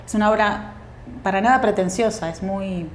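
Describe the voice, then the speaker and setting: A woman in her forties with a Uruguayan Spanish accent and a medium-pitched voice speaks as a guest actress in a reflective interview. She talks thoughtfully, often pausing, using fillers and restarting. The recording is reverberant with slight background noise.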